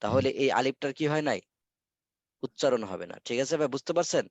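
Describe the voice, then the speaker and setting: A man's voice: medium pitch, animated, fast, dry recording. Brief: male online teacher, patient, repetitive drilling, dry muffled call sound. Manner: patient, repeats words for drilling. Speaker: Arabic teacher. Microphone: video call.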